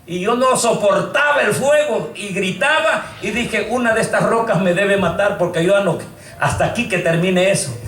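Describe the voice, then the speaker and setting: A man's voice: sits high, a bit bright. A man from El Salvador giving an earnest, emotional testimony in church, often calling his listeners brothers. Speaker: testimony speaker. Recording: roomy echo, distant mic, faint noise.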